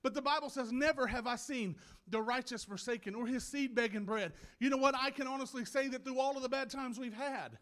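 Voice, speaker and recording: A man preaching a sermon, often restarting his words, sometimes choked up and clearing his throat, and rising to loud, shouted passages. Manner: builds from low, halting talk to loud, shouted preaching with many restarts.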